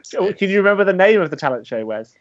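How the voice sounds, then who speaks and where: A man's voice: high voice, sing-song, fast, no echo. A man hosting a comic podcast, wry and fond of mock-formal linking phrases. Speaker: podcast host. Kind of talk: casual comic podcast chat. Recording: dry, dull lo-fi recording.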